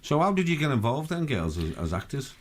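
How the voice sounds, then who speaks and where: A man's voice: mid-range voice, sing-song, a little fast, background noise. A man hosting a chatty, informal and jokey radio interview.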